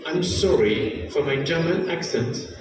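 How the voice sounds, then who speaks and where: A man giving a formal welcome speech as a visiting principal, slow and halting. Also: mid-range voice. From France. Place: school assembly hall. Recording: echoey hall, distant mic, noisy.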